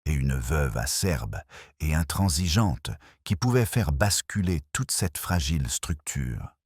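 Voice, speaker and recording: Deep husky guy reading a murder mystery, slow and even, dry close sound. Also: no room sound. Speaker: narrator. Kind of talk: scripted narration of a mystery story.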